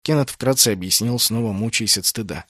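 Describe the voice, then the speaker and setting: A man narrating an audiobook in a low, steady voice. His storytelling is even and unhurried, and the recording is dry and close, with no room sound at all. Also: no room sound. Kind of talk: scripted narration.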